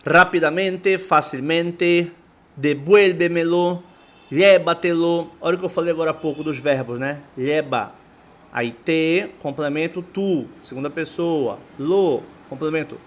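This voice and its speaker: A man's voice: fairly high pitch, measured pace. Brazilian man teaching Spanish grammar. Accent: Brazilian Portuguese. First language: Portuguese. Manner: mixes languages, reads aloud then explains. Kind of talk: online lesson reading and explaining a textbook.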